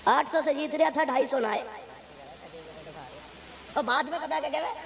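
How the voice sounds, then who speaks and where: His voice very high-pitched and creaky, a male imam with a north Indian Urdu accent preaches to a live audience at a religious gathering, where the crowd can be heard. He alternates between quiet, chatty asides and loud, emphatic exhortation, weaving in stories and pointed rhetorical questions.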